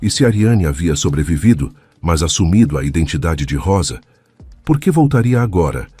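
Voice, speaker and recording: A man reading a dramatic story in a measured, scripted narration. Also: low voice, very animated, warm tone, breathy edge, no room sound, faint music behind.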